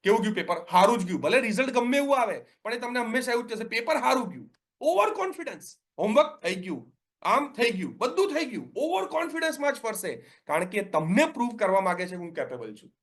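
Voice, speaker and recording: A middle-aged man coaching parents in a webinar. His voice sits high, and he talks in an animated way. He swings into the voices of children and parents as he explains. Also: fast.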